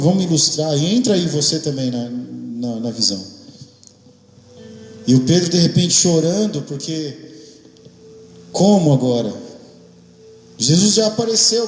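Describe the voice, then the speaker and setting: Brazilian male pastor, high voice, lively chatty preaching style, roomy echoing church sound. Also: moderate pace, pauses often, soft background music. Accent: Brazilian Portuguese. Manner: casual, animated, often asks the congregation "amém?". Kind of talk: devotional sermon with acted quotes. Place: church hall. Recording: echoey hall with long reverb.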